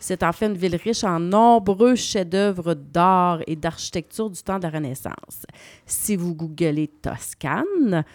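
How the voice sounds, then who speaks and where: A woman's voice: lowish voice, unhurried, no echo. Québécois woman presenting a travel segment. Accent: Québécois French. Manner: lively, explanatory, spells out place names. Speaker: travel columnist.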